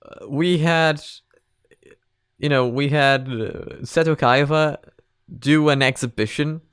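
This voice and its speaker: A man with a slightly high, clear, resonant voice reviews videos, reacting to an animated parody series. His commentary is casual and unscripted; he hesitates, rambles and repeats himself. The sound is clean studio quality with no echo.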